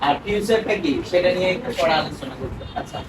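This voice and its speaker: A man with a fairly high voice talks fast as he teaches a spoken English grammar lesson, quizzing his student and repeating the answers back. He's recorded from a distance in an echoey, noisy room.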